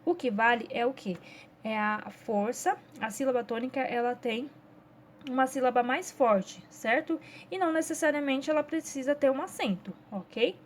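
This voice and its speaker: High-voiced patient Brazilian teacher. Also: female voice, normal speed, slight background noise. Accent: Brazilian Portuguese. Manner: patient, explains step by step, checks in often with "ok?". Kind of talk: workbook lesson for children.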